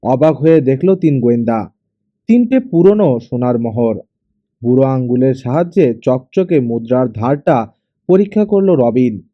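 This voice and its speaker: A man reading a detective adventure audiobook with expressive storytelling. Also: medium pitch, normal speed. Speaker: audiobook narrator. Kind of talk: scripted narration. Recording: dull lo-fi audio.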